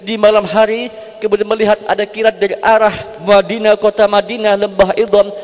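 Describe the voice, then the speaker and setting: In an echoing, large mosque hall, a man with a high, level voice preaches fairly quickly. His sermon explains devotional poetry, repeating phrases for emphasis and breaking into chanted Arabic verses.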